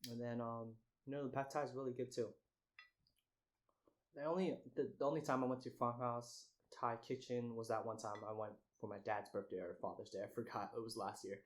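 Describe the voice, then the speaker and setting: Young male food vlogger, casual and halting, mid-pitched with little melodic variation. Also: steady tone. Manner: halting, trailing off and restarting. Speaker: mukbang vlogger. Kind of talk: casual chat to camera.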